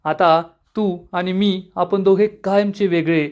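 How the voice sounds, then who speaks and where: A man's voice: high-pitched, steady tone, slow pace, clean tone, dull audio. A man voicing a tearful, melodramatic young wife.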